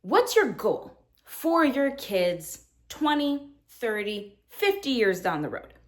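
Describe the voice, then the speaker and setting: This woman, a teacher in her thirties, speaks earnestly to colleagues about classroom practice in a fairly high voice at a slow pace. Animated, she acts out what she tells her students.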